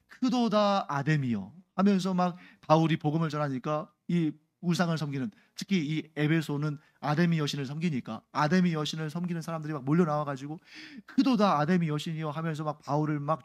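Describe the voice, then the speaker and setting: A man's voice: on the high side, darkish tone. A male pastor giving an explanatory Sunday sermon, often putting questions to the congregation.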